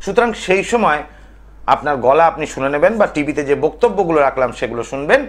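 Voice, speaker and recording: Male TV astrologer-host, high and animated voice, declamatory and insistent, delivering a live call-in sermon-style pitch. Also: quick pace. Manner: emphatic, rhythmic listing with rising declamatory stresses. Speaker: tantric astrologer hosting a live call-in TV show. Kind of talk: impassioned TV call-in monologue.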